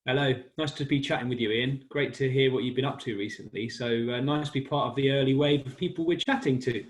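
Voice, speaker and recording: He talks fast at a medium pitch: a West London man in his forties, guesting on an interview about his sporting life. A cycling commentator, he keeps things casual and chatty, making fun of himself and laughing easily.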